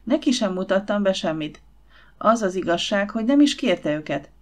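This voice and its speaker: A woman voicing a calm, guarded Victorian gentleman in an audiobook, speaking in an even, measured way. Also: medium pitch, close to an everyday voice.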